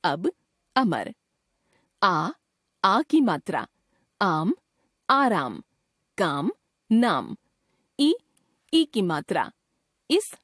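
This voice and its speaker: A woman teacher reading a grammar lesson aloud in a measured, dictating way, listing examples one at a time. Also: mid-range voice, slightly rough, dry recording, studio quality.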